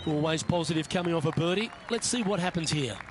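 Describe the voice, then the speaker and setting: A man giving golf commentary as lead announcer, calling each shot in short, measured phrases. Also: a little high, over music. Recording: crowd and outdoor noise behind.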